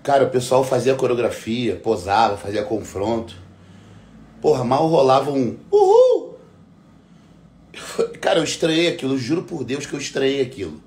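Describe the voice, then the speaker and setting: A middle-aged bodybuilding competitor, ranting in casual, heavily profane talk and repeating himself for emphasis. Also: male voice, medium pitch, very animated, moderate pace, long pauses, darkish tone. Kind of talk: casual conversational rant. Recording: echoey room.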